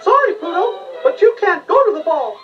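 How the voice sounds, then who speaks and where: Squeaky falsetto Mickey Mouse. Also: male voice, big pitch swings, brisk, far from the mic, muffled recording, over loud music. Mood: chipper, bashful. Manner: bashful, hesitant, gee-whiz politeness. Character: cheerful, innocent male cartoon mouse. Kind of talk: read-along storybook acting.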